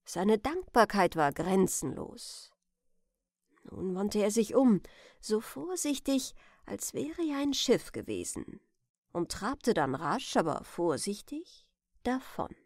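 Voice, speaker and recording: A woman reads a bedtime story slowly and gently, her pitch rising and falling in a lively way. She drops to a whisper when the story turns tense. The sound is close and dry. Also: dry recording. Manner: soft and slow, whispering at tense moments. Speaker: audiobook narrator.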